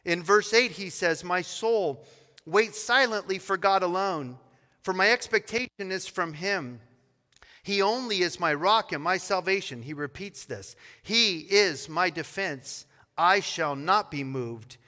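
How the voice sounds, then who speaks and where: A man pastor preaching an expository sermon, reading scripture slowly and with emphasis. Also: sits high, expressive, bright, forceful tone, long reverb tail. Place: church sanctuary.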